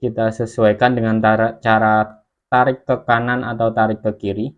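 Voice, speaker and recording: A male instructor explaining video editing slowly, step by step, as he works through a screen-recorded lesson. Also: on the low side, flat delivery, phone-quality sound. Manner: slow, step-by-step explaining while working. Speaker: online course instructor.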